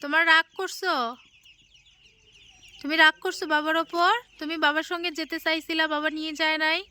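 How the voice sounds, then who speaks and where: High sing-song mother in baby talk. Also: little pitch movement, fairly quick, pushed and bright. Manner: coaxing sing-song questions.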